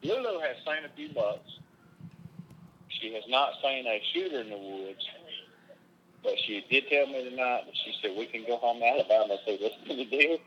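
A man calling in as a phone guest, joking dryly in casual banter. His voice comes through a quiet, muffled phone line that sounds like he is inside a barrel. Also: mid-range voice, lively intonation, normal speed, a little hiss or hum. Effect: muffled phone call that sounds like it is inside a barrel.

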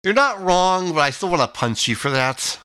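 Male podcast co-host, sarcastic, animated pitch, bright voice. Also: moderate pace, clean tone. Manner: dry and sarcastic, groans often. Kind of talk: casual chat.

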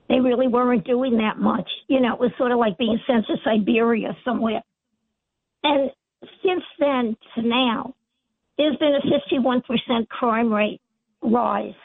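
A woman in her eighties with a gravelly voice, speaking her mind casually as a caller over a narrow telephone line. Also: a little high, no echo. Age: 80s. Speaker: call-in radio listener. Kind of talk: casual opinionated phone-in talk. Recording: narrow, tinny phone line.

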